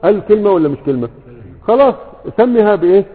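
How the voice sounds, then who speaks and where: Male grammar teacher, Egyptian accent, quick delivery full of rhetorical check-ins; tinny, echoey recording. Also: high-pitched, animated. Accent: Egyptian Arabic. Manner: keeps checking in with rhetorical questions. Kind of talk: lecture with a class. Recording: echoey, tinny phone-like sound.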